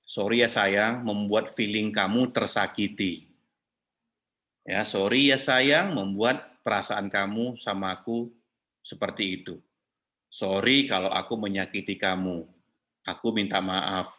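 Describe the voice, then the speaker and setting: A man voicing an apologetic husband who softly says sorry to his wife. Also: on the low side, flat delivery, fast talker, voice pushed down. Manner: soft and apologetic.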